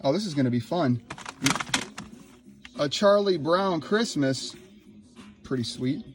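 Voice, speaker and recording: A man in his thirties, from Ohio, filming a casual vlog in his laundry room on a handheld phone, excited and rambling. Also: on the high side, slow, music in the background. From Ohio, USA. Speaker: YouTuber. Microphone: handheld phone, no tripod.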